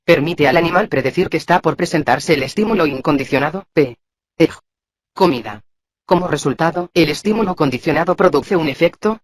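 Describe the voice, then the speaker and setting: A man reading a psychology lesson aloud in a steady scripted way, sounding out abbreviations letter by letter. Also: fairly high pitch, dry recording. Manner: even, flat reading that voices abbreviations letter by letter. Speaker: textbook reader.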